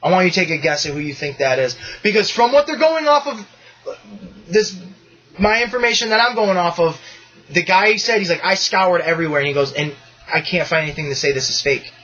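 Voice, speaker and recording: A man hosting a podcast in casual chat, excitable and rambling, swearing freely with bursts of enthusiasm. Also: high-pitched, a little fast, highs cut off. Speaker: podcast host.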